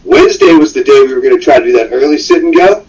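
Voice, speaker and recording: A man's voice: medium pitch, lively intonation, quick pace, darkish tone. A man chatting casually on a call, hesitant with many fillers and restarts. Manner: hesitant, lots of ums and restarts. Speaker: guest caller on a stream. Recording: dull, distant call audio with faint music.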